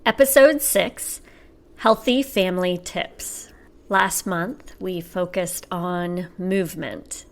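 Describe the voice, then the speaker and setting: A woman's voice: on the low side, slow pace, creaky. A middle-aged woman hosting a podcast as a personal trainer and health coach, talking casually and animatedly, laughing as she tells stories. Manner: chatty and animated, laughs while telling stories. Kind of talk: casual solo podcast talk.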